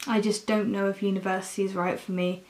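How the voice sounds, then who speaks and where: A young adult woman with an English accent, talking casually and candidly in a halting, confessional vlog style. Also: medium pitch, level tone, a little mellow. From England. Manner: slow, halting, candid, with frequent swearing. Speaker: university student vlogger.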